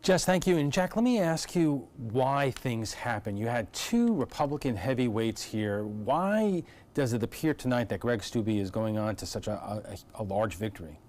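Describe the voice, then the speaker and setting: Man, news anchor, live election night coverage, medium pitch. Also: lively intonation, moderate pace, a little mellow.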